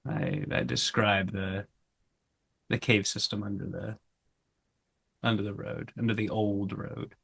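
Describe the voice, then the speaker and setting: A male player in a tabletop game, describing his moves haltingly and with pauses. His voice is low and gravelly, and he speaks slowly. The sound is dry. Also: steady tone, a bit bright, no echo. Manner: hesitant, halting. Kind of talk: tabletop roleplay narration.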